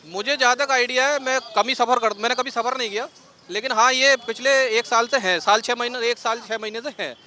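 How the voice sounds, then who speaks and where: High, sharp-voiced man on a street. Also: a little fast. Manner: earnest, rambling, many fillers. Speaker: interviewee. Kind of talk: street interview. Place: city street with traffic.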